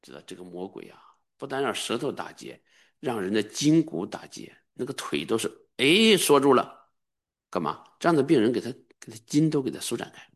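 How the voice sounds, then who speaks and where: A middle-aged man preaching a sermon as a pastor, emphatic and sometimes bursting into high-pitched exclamations. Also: sing-song, brisk.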